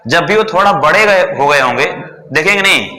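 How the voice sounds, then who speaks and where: A man leads an exam-prep lesson in a high, sharply bright voice. He keeps repeating points, checking in constantly and answering his own questions. The sound rings with a long, roomy reverb, as in a bare hall. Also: expressive, a little fast. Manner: repetitive, checks with "ठीक है" constantly. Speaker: teacher.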